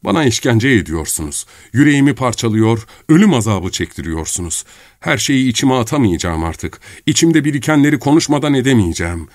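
A man's voice: medium pitch, sing-song, brisk, a little mellow, no room sound, studio quality, pitched above the performer's own voice, natural voice. A man reading a novel aloud, giving heartfelt, earnest lines to a lovesick young man. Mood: impassioned.

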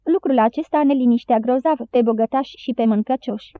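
A woman reading a children's novel aloud as an audiobook narrator, steady storytelling. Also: on the high side, no room sound. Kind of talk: scripted narration. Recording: dry, tinny phone-like sound.

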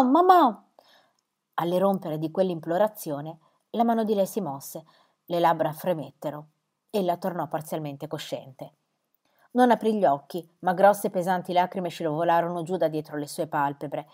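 A woman narrating an audiobook with an expressive, dramatic reading. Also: fairly low pitch. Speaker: audiobook reader. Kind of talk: scripted narration.

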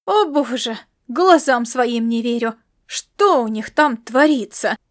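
Woman voicing a calm, gently teasing young man. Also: a little high, takes it slowly. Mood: alarmed. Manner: calm, gently mocking, reassuring. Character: young man, patient grandson and would-be king.

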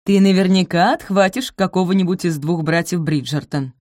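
A woman's voice: on the low side, normal speed, a little mellow, dry recording, studio quality, lightly acted. A woman reading aloud and voicing a harsh, domineering stepmother who gives orders. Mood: fawning. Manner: commanding, severe.

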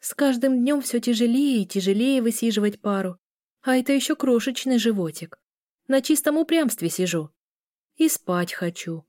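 A woman's voice: on the high side, expressive, normal speed, mellow, dry recording, clean studio sound, voice pushed up, natural voice. A woman voicing a weary young pregnant student. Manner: weary, plaintive.

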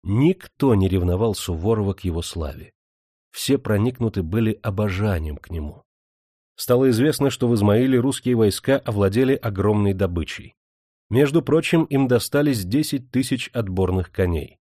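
Low, mellow male audiobook narrator. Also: animated, moderate pace, no echo, clean studio sound. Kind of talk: scripted narration.

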